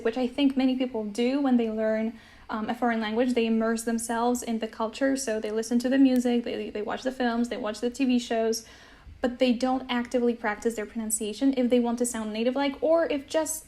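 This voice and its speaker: Young woman, Polish native, American accent, slightly high voice, casual and chatty. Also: warm tone. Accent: American English. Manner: chatty, uses many fillers, laughs easily. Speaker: language-learning guest. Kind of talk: casual conversation.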